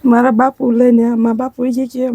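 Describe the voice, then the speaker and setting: A woman, crying as she tells of her hardship in a halting, pleading way. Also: on the high side, flat delivery, warm tone, no room sound. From Gujarat. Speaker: interviewee, widowed mother. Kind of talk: emotional testimony.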